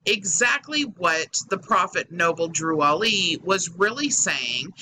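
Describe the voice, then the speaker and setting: Woman, YouTube host, casual commentary, bright forceful voice, metallic tinny hollow microphone sound, faint fan noise. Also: medium pitch. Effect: metallic, tinny, hollow sound from faulty microphone. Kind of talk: casual scripted-intro commentary to subscribers. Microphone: faulty microphone. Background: whirring fan.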